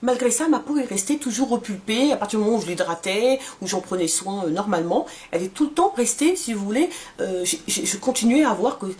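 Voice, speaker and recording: A beauty vlogger in her forties casually reviews a skincare serum in a medium-pitched, slightly mellow voice. She talks with many fillers and restarts.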